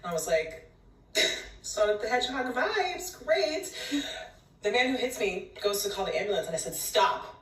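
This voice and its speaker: A woman's voice: medium pitch, very animated, normal speed, a bit bright. A woman telling a funny mishap to camera, laughing lightly and acting out the quotes she retells. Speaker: clip storyteller. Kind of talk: casual short-video storytelling. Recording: echoey phone video from a distance.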